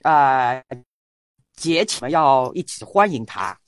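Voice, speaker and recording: A woman's voice: extremely low pitch, lively intonation, takes it slowly, no echo. A woman hosts a casual group talk show, explaining things in a conversational way. The recording is dry, with very little room around the voice. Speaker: podcast host.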